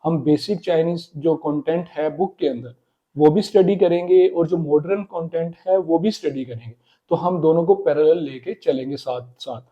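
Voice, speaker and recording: A man explaining Chinese pronunciation in a casual spoken lesson, repeating words slowly. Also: a little high, muffled recording. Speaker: Chinese language teacher.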